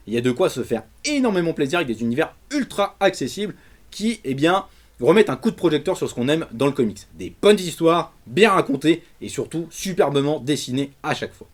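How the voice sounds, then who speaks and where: A man reviewing comics in a casual, colloquial and emphatic way, talking straight to his viewers as the channel's host. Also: a little high. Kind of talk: casual enthusiastic video review.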